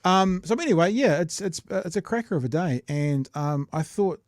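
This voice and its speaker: A man's voice: sits high, expressive, moderate pace, dry recording, clean studio sound. A middle-aged man with a New Zealand accent hosting a casual podcast, chatting in a jokey, rambling, slangy way. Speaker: podcast host. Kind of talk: casual live chat show.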